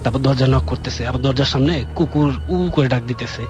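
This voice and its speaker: A man calling in to a radio show, earnestly telling a frightening experience from his own home in a halting way. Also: medium pitch, darkish tone. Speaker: caller. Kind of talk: telling a personal ghost story. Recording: dull lo-fi radio broadcast with music.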